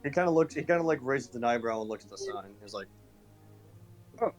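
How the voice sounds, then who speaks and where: A man's voice: medium pitch, expressive, fast talker, faint music behind. A man narrating a tabletop game as game master over an online call, hesitant and restarting his sentences often.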